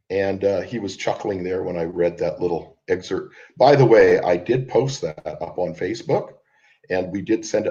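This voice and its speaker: Male host on a muffled conference call line, fairly low voice, has a cold. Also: dark tone. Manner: chatty, mocking, repeats himself. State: has a cold, coughs when laughing. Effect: conference call audio. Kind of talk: online group call chat. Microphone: computer call mic. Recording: dull lo-fi online call audio.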